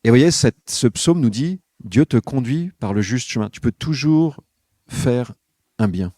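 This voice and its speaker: A man's voice: mid-range voice, expressive, unhurried, warm tone, no echo, studio quality. A man giving a reflective spoken homily for a podcast, talking with listeners directly in a conversational way. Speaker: podcast speaker on spiritual life.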